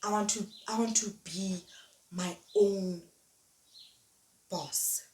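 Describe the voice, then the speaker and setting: A woman's voice: mid-range voice, steady tone, slow, a little mellow. A young woman giving a motivational monologue, talking emphatically and repeating her key phrases. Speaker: vlogger. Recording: echoey room, distant mic, faint noise.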